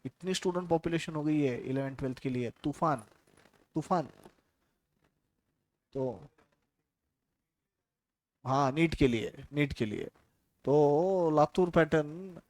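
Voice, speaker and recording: A man's voice: fairly high pitch, a little mellow, no echo. A man from India giving a casual, chatty classroom lecture, telling stories and asking his students questions.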